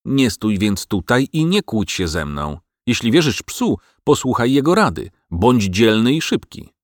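A man voicing a sharp-tongued middle-aged farmer's wife who scolds her husband in a matter-of-fact way. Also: mid-range voice, very animated, a little slow, dry recording, studio quality. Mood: scolding.

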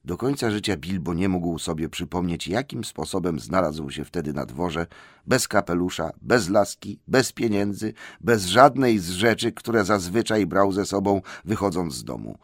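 A man narrating an audiobook in a measured storytelling manner. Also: low voice, expressive, no room sound, clean studio sound.

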